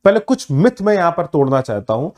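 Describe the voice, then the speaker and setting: Guy teaching students online, kinda high voice, stretches words for emphasis. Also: very animated, a little mellow. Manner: emphatic, drawn-out words with pauses; mixes English words into the talk. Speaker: online exam-prep teacher. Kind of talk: live online class talk.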